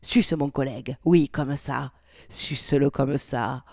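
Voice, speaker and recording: A woman doing a loud, coarse, talkative man. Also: medium pitch, steady tone, takes it slowly, vocal fry, no echo, studio quality, pitched below the performer's own voice. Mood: lustful. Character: crude talkative man, lusty and boastful.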